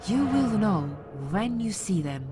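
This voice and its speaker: Slow, sinister otherworldly woman over music. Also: medium pitch, sing-song. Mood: commanding, vengeful. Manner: slow, solemn, menacing. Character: sinister, controlling otherworldly woman, vengeful and knowing. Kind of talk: video game voice acting.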